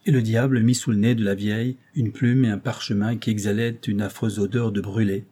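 A man narrates a classic story as an audiobook, measured and expressive. His voice sits low and mellow, with a husky edge.

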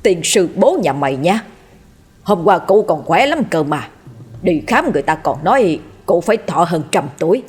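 A woman voicing a hot-tempered middle-aged man who scolds and curses gruffly. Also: lowish voice, animated, normal speed. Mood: angry.

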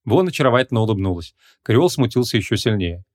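A man narrating an audiobook in an even, measured reading voice. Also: fairly low pitch, no room sound, clean studio sound.

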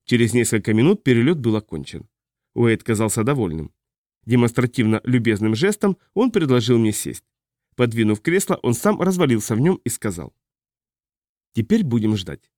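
Male audiobook narrator, first person, measured and calm, middle pitch, dry studio sound. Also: dry recording.

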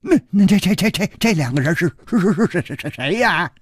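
A man's voice: mid-range voice, animated, a little slow, vocal fry, mellow, slightly rough, exaggerated voice. A man voicing a frightened young male Shaolin disciple who stammers nervously.

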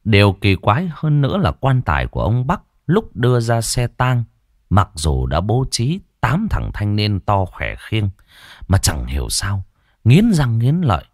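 A man tells a ghost story in a lowish voice that swoops widely up and down. His delivery is dramatic and heavily inflected, in a close, dry recording. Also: huge pitch swings, unhurried, dry recording. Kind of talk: scripted horror narration.

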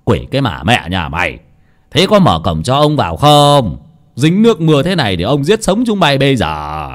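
Brief: man voicing a harsh older elder, cursing, shouting orders. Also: mid-range voice, huge pitch swings, normal speed. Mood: angry. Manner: gruff scolding, cursing. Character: harsh bullying old village elder man.

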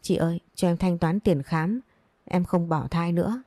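A timid young woman pleads and apologizes in a low, warm voice, as a woman narrator puts her on. She sounds polite and fearful. The sound is dry and close. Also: normal speed, dry recording, lightly acted. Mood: pleading.

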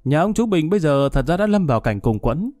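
A man narrating a story in a calm, steady storytelling voice, speeding up a little in the dialogue. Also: fairly high pitch, a little fast, no echo, clean studio sound. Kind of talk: audiobook narration.

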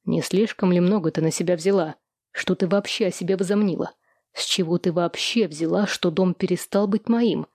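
A woman reading an audiobook, voicing a calm, firm young man. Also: on the low side, normal speed, dry recording, studio quality.

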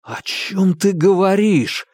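A man's voice: on the high side, expressive, takes it slowly, darkish tone, slightly rough, dry recording, studio quality, pitched above the performer's own voice, heavily acted. A man reading aloud and voicing a frightened, bewildered young man who speaks hesitantly. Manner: hesitant and unsettled.

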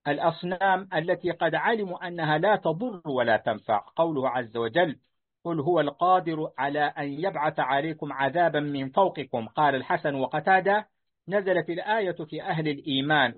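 A man's voice: a little high, a little fast. A man reading a classical text aloud to his teacher, answering his corrections politely and respectfully. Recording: tinny phone-like line.

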